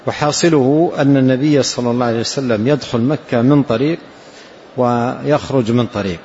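A man teaching a religious lesson, explaining hadith in a measured way and repeating key phrases as he goes. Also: medium pitch, darkish tone, dull audio, slight background noise.

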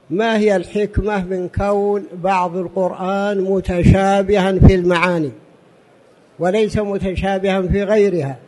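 A man giving a religious lesson in formal standard Arabic as a teacher, in a deliberate, didactic manner with repetition and rhetorical questions. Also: sits high, a little mellow. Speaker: religious teacher addressing a study gathering.

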